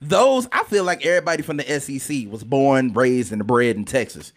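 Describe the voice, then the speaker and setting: A man's voice: medium pitch, animated, a little fast. A man co-hosting a sports talk show, joking around in a playful way. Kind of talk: casual sports chat.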